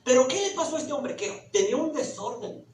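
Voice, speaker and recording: A man preaching a fiery sermon, loud and emphatic like a ranting street preacher, hammering rhetorical questions. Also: very high voice, animated, fairly quick. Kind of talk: fiery Pentecostal-style sermon. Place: echoey church room. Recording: echoey hall, distant mic, background noise.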